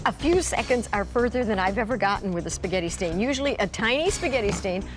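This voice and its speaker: A woman co-hosting a conversational infomercial sales pitch, sounding impressed and prompting with questions. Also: animated, fast talker. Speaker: infomercial co-host. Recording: faint music behind the voice.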